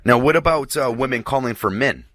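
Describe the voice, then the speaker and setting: A man with a raspy voice hosting a radio show, joking around in loose, crude banter with his guest. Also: mid-range voice, lively intonation, fairly quick, a bit bright, no echo, studio quality. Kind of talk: casual radio interview.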